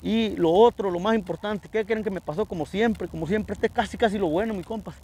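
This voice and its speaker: A man's voice: sits high, brisk, a little mellow, low-quality recording. A middle-aged man with a northern Mexican Spanish accent, telling viewers a story in a chatty, slangy, repetitive way as a vlogger.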